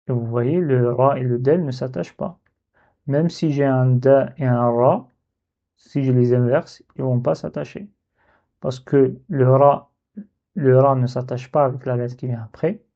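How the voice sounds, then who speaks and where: A man teaching Arabic letter reading in a slow step-by-step lesson, patiently spelling out syllables and repeating them. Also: medium pitch, steady tone, lo-fi sound.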